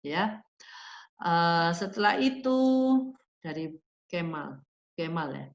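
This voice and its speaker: A woman's voice: on the low side, lively intonation, slow, gravelly. Woman lecturing in an echoey hall. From Indonesia. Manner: conversational, addresses audience as Ibu, acts out firm instructions. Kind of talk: seminar lecture answering parents' questions. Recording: echoey hall, dull lo-fi sound.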